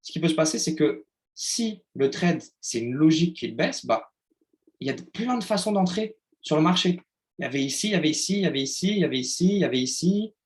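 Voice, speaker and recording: A man's voice: fairly high pitch, expressive, fast. A man teaching a live online trading lesson in a chatty way, often checking in with his listeners and using playful sound words. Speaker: trading instructor.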